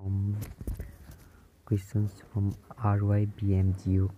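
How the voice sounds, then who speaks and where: A man's voice: on the low side, completely flat delivery, takes it slowly, phone-quality sound, a little hiss or hum. A teenage boy from Nepal answering viewer questions over gameplay, hesitant and searching for words. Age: teens. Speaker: gaming YouTuber. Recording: loud background music.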